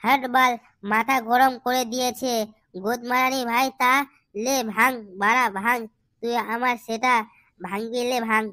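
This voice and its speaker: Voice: medium pitch, flat delivery, a little slow, bright, forceful tone, no echo. A performer voicing a hot-headed, swaggering young man in a comedy cartoon, foul-mouthed. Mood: angry.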